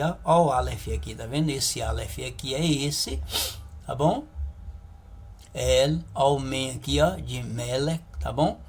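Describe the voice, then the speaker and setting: A man teaching a Bible lesson in a slow video, patiently pointing at a slide and checking in with his listeners. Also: mid-range voice.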